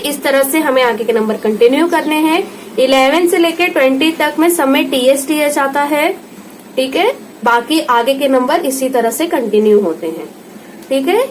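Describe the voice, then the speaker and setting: An Indian woman tutor giving a home lesson, slowly repeating each word and checking in with her listener. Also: high-pitched, a little hiss or hum, poor audio. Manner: slow patient repetition, checks in with "theek hai".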